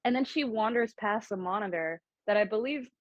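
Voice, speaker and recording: A woman's voice: medium pitch, lively intonation, fairly quick, dry recording. A woman co-hosting a podcast in casual chat, recapping a film's plot with frequent laughs and swearing. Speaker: podcast co-host.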